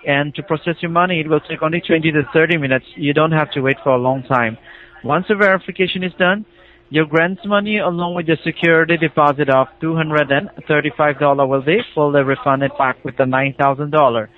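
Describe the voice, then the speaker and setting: A caller with an Indian accent walks through a procedure by telephone, pressing his point repetitively and persuasively. His fairly high, steady voice moves at a brisk pace, and the line sounds thin and tinny.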